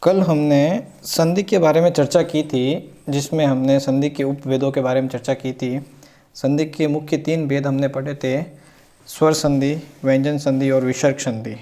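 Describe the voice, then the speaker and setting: A man teaching a grammar lesson, explaining slowly, repeating points and answering his own questions. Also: mid-range voice, fairly even intonation, dark tone.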